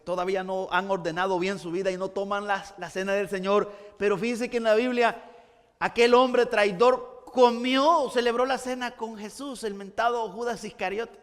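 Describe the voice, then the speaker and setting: Pastor guy preaching, really high voice, big echoey church hall, goes quiet then builds up loud. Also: fairly even intonation, moderate pace. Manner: swings between hushed storytelling and rising emphatic preaching. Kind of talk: sermon. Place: church sanctuary.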